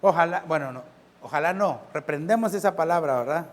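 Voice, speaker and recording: Animated high-voiced pastor preaching. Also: male voice, fairly quick, long reverb tail. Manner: animated, asks the congregation questions, swings between loud and soft. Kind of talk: sermon.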